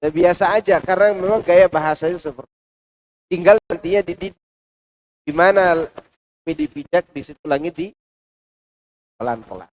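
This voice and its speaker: High-voiced lively mosque preacher man. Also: moderate pace, pauses often, low-quality recording. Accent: Indonesian. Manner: lively, shifting between loud and hushed delivery. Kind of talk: Quran commentary lecture. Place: large mosque.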